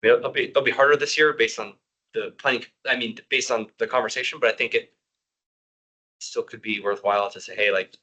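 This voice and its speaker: A man's voice: medium pitch, fairly even intonation, fairly quick, sharp tone, rough recording. A man on a housing commission talking through budget priorities at a public meeting, rambling with many fillers and restarts.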